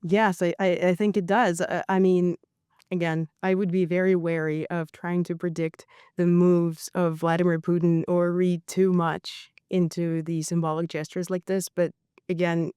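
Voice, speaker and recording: A woman's voice: fairly low pitch, little pitch movement, normal speed, mellow, smooth, no echo, clean studio sound. A woman in her thirties from Russia, a journalist answering interview questions in a thoughtful, hesitant way with many fillers. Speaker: journalist guest.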